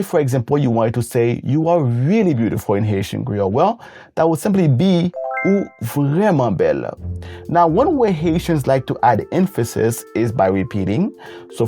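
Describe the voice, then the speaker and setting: A man's voice: mid-range voice, warm tone. A man teaching a language lesson, patiently walking through examples one at a time and repeating them. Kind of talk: instructional explanation.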